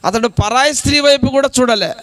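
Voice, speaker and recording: A man's voice: extremely high pitch, fairly quick, a bit bright, no echo. A man preaching a sermon as a pastor, exhorting the congregation with rhetorical questions. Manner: repetitive preaching cadence.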